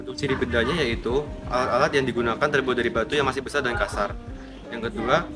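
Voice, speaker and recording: A man student reading out a numbered list of points in a class presentation. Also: medium pitch. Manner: list-like, read-aloud. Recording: loud music under voice. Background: loud background music.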